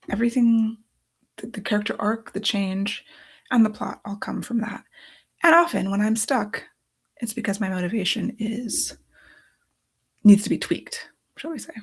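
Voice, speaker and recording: A woman author talks through her writing process, thinking aloud and pausing over her note cards. Her voice is gravelly and husky, worn thin as she is losing it. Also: mid-range voice.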